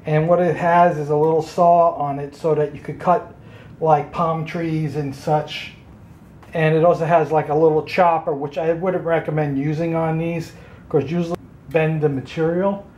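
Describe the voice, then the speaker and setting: A man's voice: on the high side, a little mellow, highs cut off. A man giving a casual, rambling tool review outdoors in a yard, talking plainly about how it works.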